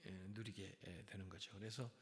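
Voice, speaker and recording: A male pastor giving a sermon, calmly explaining scripture verse by verse in a teaching tone. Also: low voice, normal speed. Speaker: senior pastor. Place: church sanctuary. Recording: long reverb of a church hall.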